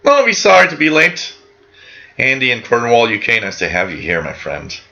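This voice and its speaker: On a live radio hobby show, this host, a native French speaker, chats casually with viewers and reads their comments, rambling warmly with lots of fillers and false starts. His medium-pitched voice is sing-song, creaky and sharp at a moderate pace, and the recording sounds dull.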